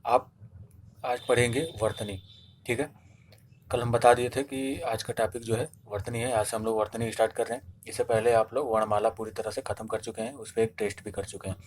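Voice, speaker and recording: In this online exam-prep lesson, a Hindi teacher with a fairly low, fairly flat voice walks through spelling step by step, a little quickly, posing questions and answering them himself. He says "theek hai" often, and there's slight background noise.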